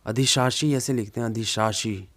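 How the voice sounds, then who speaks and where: A male teacher works through exam questions in a relaxed, informal way. He repeats each word several times, drawing it out as he reasons toward the right answer. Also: on the low side. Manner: repeats words slowly while working out answers; informal, says "yaar" to himself. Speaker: Hindi teacher. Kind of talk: exam-prep lesson, thinking aloud.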